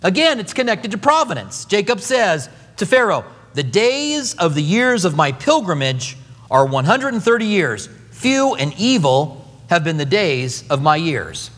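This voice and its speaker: A pastor in his fifties preaches in a bright, high register, his voice rising and falling with lively expression. He talks conversationally and acts out the quotes he tells. His words ring on in a long, reverberant sanctuary. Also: measured pace. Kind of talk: expository sermon.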